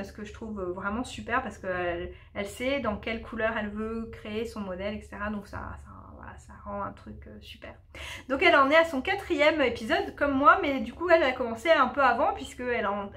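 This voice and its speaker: Brisk and fairly high-pitched, this woman's voice sounds pushed and bright. She's an English teacher who also hosts a knitting podcast, talking in a loose, casual way with plenty of fillers and false starts.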